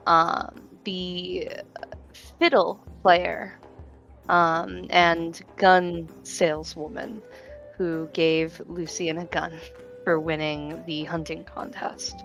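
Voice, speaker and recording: A woman narrating a tabletop role-playing game as game master, rambling with many fillers. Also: lowish voice.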